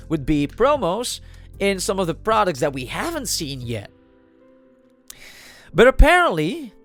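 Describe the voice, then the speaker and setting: Nasal from a cold, this high-pitched man with a fairly bright tone narrates his trading card video in a relaxed way, stumbling through fillers and restarting sentences as he thinks aloud.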